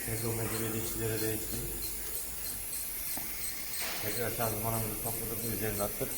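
A mechanic with a low, flat voice gives plain, matter-of-fact replies. Loud hissing noise fills the echoey workshop around him. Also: male voice, a little slow. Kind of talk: brief casual reply on the job. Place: car repair workshop.

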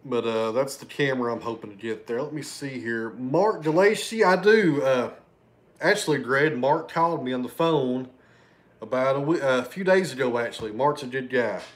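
Speaking at medium pitch and normal speed, this livestream host chats casually with viewers from his living room at home, reading out super chats. He's talkative, thanks people by name, and tends to lose his train of thought.

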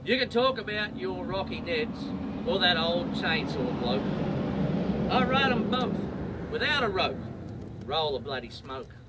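A man's voice: high voice, expressive, a little slow, far from the mic, very noisy. A man with an Australian accent reciting a comic bush poem with a rollicking rhyming delivery. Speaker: bush poet.

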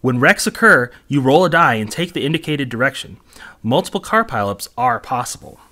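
A man co-hosting a board game preview, explaining the rules in a steady, plain way. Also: mid-range voice, brisk. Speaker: game reviewer co-host.

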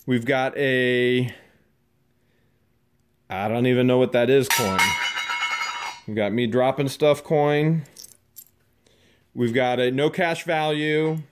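Male vlog host, casual and chatty, keeps up excited commentary as he unboxes on camera. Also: medium pitch, takes it slowly, long pauses. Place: dusty garage.

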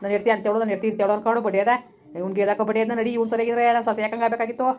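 A woman's voice: on the high side, level tone, rapid-fire, darkish tone, close to an everyday voice. A woman playing a blunt village woman who scolds in a rural Kannada dialect, in a comedy skit. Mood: scolding.

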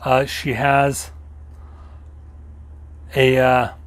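A man's voice: medium pitch, flat delivery, drawn-out words. A man hosting a toy review, slightly losing his voice, walking through each detail step by step in a casual show-and-tell style.

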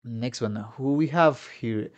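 The recording is muffled: a man with a mid-range voice, speaking at a measured pace, gives slangy, exclamatory, casual reactions to game trailers as a musician. He sits in a home room with instruments, and game music plays behind his voice.

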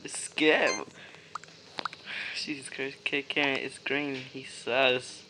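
A gaming YouTuber giving excitable, exclaiming commentary over gameplay, talking straight to viewers. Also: mid-range voice, extremely slow, background noise.

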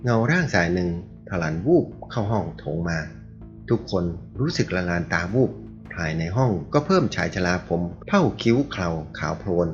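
A man narrating a martial arts novel aloud in a steady storytelling read, with faint music behind him on a dull, lo-fi recording. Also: fairly low pitch, normal speed.

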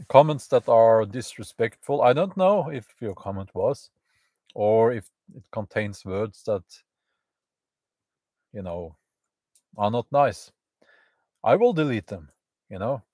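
Slow, halting man live from the woods. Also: medium pitch, lively intonation, darkish tone, dry recording. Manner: halting, many fillers and restarts. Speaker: channel host. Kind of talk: live stream chat to viewers. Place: outdoors in the woods at a campfire.

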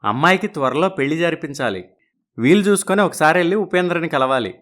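A woman voicing a kindly widowed older father in a storybook, speaking softly and fatherly. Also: low voice, lively intonation, brisk, pitched below the performer's own voice. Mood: musing. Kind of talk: storybook narration.

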